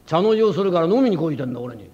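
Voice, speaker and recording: A man's voice: a little high, expressive, fast. A man doing a blustering tofu shop owner. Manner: loud, rough, hot-tempered Edo-style talk. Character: blustering middle-aged tofu shop owner, proud and rough. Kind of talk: rakugo storytelling. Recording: dull lo-fi old recording.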